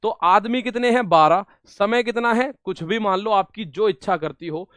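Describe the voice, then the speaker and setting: A man's voice: high-pitched, normal speed, a bit bright, clean tone, dry recording, clean studio sound. A man teaching an exam-prep maths lesson, repeating each step and coaxing his students along. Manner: repetitive, coaxing, addresses students as brother.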